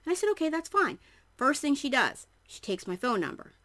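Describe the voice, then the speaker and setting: A woman's voice: a little high, sing-song, brisk, a bit bright. A woman book vlogger telling a rambling, chatty story to her viewers and acting out her own reactions. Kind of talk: casual storytelling to camera.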